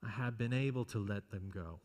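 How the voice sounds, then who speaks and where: A man preaching a solemn pulpit sermon in a deliberate manner, with dramatic pauses and repeated phrases. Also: lowish voice, darkish tone. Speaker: preacher giving a homily. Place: large church interior. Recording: echoey hall with long reverb.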